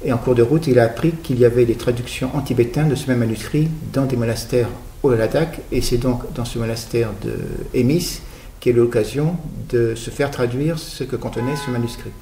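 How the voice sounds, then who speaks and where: Gravelly-voiced man explaining patiently. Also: medium pitch, warm tone, reverberant, slight background noise. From Guadeloupe. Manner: measured, explanatory, with hesitations. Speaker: author guest. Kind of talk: radio interview.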